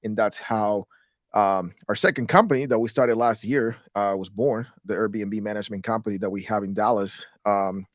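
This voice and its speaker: A man's voice: fairly low pitch, fairly even intonation, normal speed, dry recording, studio quality. Man from Guatemala, casual rambling talk. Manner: rambling, repeats words when restarting. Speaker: guest, real estate investor.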